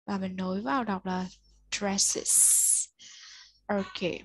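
A woman's voice: mid-range voice, unhurried. A woman tutoring a child one-on-one, patiently explaining step by step and prompting the learner to answer. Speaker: English tutor.

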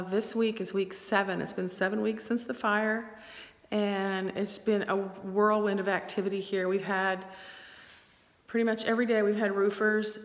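A woman's voice: mid-range voice, fairly bright tone. A middle-aged woman chatting casually through a home video tour, rambling and laughing often, her voice echoing in a bare room. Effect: long echo in a bare room under renovation. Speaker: vlogger. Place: her bedroom during home renovation, indoors. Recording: echoey room with long reverb.

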